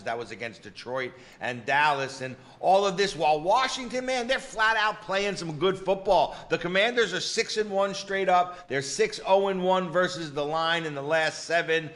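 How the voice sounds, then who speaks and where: Bright-voiced confident man giving betting picks. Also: a little high. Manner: confident, peppers talk with "you know" and catchphrases. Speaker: sports betting co-host. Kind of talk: casual betting-picks chat.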